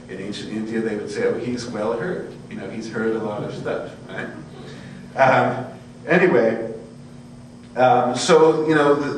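A man giving an informal academic lecture in an erudite, discursive way, often checking in with his listeners. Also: lowish voice. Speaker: lecturer in Buddhist studies. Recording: very echoey, distant microphone, faint hum and noise.

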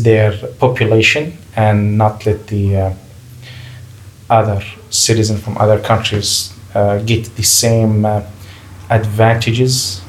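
A guest in an interview, a low-voiced man who is a Palestinian refugee raised in the Gulf region, gives a personal account. He speaks in a measured, careful way, pausing and restarting as he picks his words, over faint background noise in a low-quality recording.

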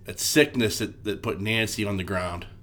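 A podcast co-host, congested from a cold, chats casually in a stuffy voice that's fairly low and fairly bright, at a moderate pace. He rambles, swears freely, and fills his talk with "like."

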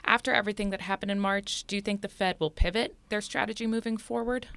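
A woman's voice: medium pitch, fairly even intonation, fast, creaky, fairly bright tone, clean tone, no echo. A woman hosting a financial interview, putting prepared questions to a guest. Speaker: interview host.

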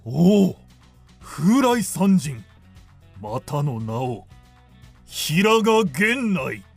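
A man voicing a dignified magistrate in a period audio drama, measured and formal. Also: fairly high pitch, sing-song, vocal fry, soft background music, full character voice. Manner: measured, formal, pronouncing verdicts. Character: dignified male magistrate passing judgment.

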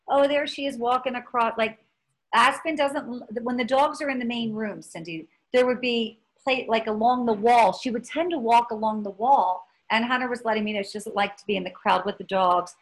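Chatty rambling woman, fairly high voice. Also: a little fast, rough recording. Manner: chatty, rambling storyteller with many restarts. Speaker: podcast co-host. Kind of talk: casual chat.

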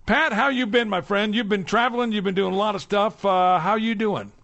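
A man's voice: high voice, a little fast, creaky, a bit bright, highs cut off. An American man hosting live local talk radio, reading sponsor spots and chatting with guests.

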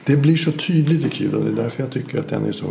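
A man with a deep, gravelly, mellow voice talks reflectively and hesitantly, often restarting his sentences. He is recorded in an echoey room with faint ambience behind him. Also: expressive, a little hiss or hum. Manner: thoughtful, hesitant with repeated restarts. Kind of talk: reflective conversation.

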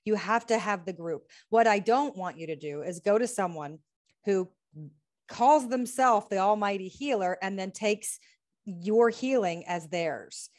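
Her voice is medium-pitched, a little slow, and slightly mellow as this US healing practitioner and author gives an earnest, conversational interview. She works through lists of questions and often laughs.

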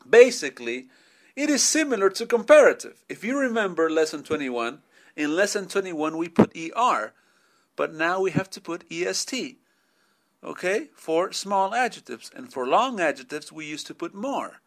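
A male teacher walks through a grammar lesson at an unhurried pace. His voice is bright and forceful. He repeats points and checks in with his class often. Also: high voice, sing-song. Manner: explains slowly, repeats "¿ok?" often. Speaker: English teacher.

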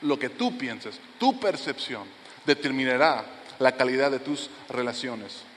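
A middle-aged man preaching a sermon as pastor. His delivery is earnest and drops to soft, low lines for emphasis. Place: church sanctuary. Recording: long hall reverb in a church.

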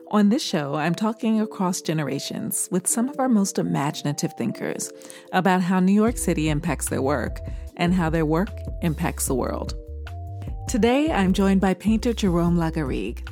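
A woman host with a slightly low voice, speaking in a clear, measured way as she introduces the show and asks curious questions. Faint music sits quietly behind her. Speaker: podcast host. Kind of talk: scripted intro, then interview questions.

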